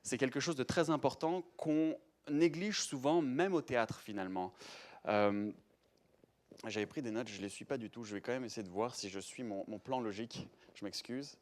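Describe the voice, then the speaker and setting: A man's voice: mid-range voice, moderate pace. A young man giving a live presentation to an audience in a lecture room, chatty, with many hesitations and restarts. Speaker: conference speaker.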